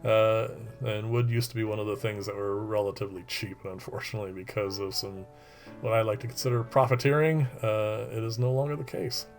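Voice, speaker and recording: A middle-aged man talks in a fairly low voice over guitar music. He drones on in a monotone, casual workshop style, rambling and hesitating as he explains. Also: brisk. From Canada. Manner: monotone, droning. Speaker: woodworking video presenter.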